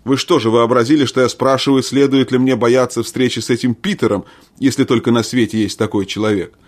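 A furious proud king shouting down his lords, as a man reads him in an audiobook. his voice sits mid-range and rings with scorn. he blusters rather than reasons. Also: mid-range voice, steady tone, a little fast, natural voice. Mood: angry. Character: angry proud middle-aged usurper king.

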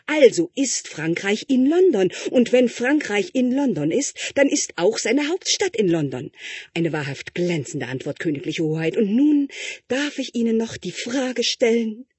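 A man voicing an anxious, fawning royal tutor who flatters and speaks slowly and high. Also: husky, dry recording, full character voice. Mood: pompous. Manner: obsequious, flattering, high and drawn-out.

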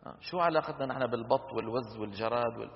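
A man's voice: medium pitch, rapid-fire. A man teaching Quran recitation to a class, explaining patiently, quizzing students with rhetorical questions and demonstrating sounds. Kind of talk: classroom lecture on tajweed. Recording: lo-fi hall recording with long reverb.

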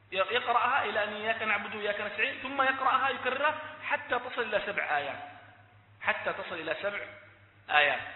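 A man, a religious scholar, giving a lesson, explaining point by point, repeating key phrases and checking that listeners follow. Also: very high voice. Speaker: Islamic scholar teaching. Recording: echoey hall, tinny phone-like sound.

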